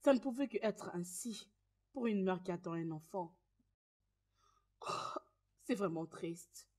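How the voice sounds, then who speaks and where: A woman's voice: medium pitch, animated, darkish tone. A woman dubbing a sympathetic friend who consoles and prays for a grieving woman, in a French film dub. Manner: slow, sympathetic.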